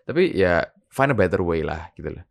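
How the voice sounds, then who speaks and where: A young man, chatting casually as a podcast co-host and telling stories with lively, acted-out voices. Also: sits low, moderate pace, creaky. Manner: animated storytelling, acts out people he quotes; relaxed, laughs often. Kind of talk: casual chat.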